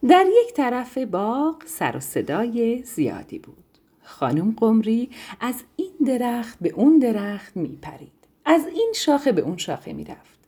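A woman telling a bedtime story to children in a gentle, soothing, sing-song way. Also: fairly high pitch, sing-song, breathy edge.

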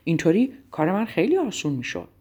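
Lady doing a low grumbly hedgehog in a kids story, husky and mellow. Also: huge pitch swings, full character voice. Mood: insistent. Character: quiet, stubborn hedgehog.

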